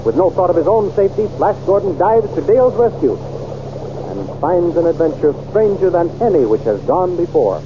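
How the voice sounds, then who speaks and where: A man with a high-sitting voice and big pitch swings narrates an old radio adventure serial and reads its sponsor copy in a brisk, dramatic announcing style. The old radio transcription is muffled and very noisy.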